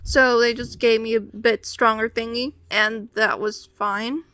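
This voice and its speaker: High, bright teenage girl telling stories. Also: fairly even intonation, a little slow, no room sound. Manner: wry, exasperated complaining, acting out quotes. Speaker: vlogger telling a personal story. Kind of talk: casual storytelling.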